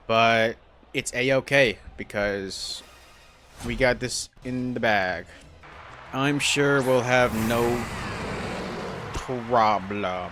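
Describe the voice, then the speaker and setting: A man's voice: mid-range voice, drawn-out words, pauses often, music in the background. A young man casually commenting on his own gameplay, thinking aloud with a self-deprecating, hesitant manner and frequent restarts. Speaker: gaming YouTuber.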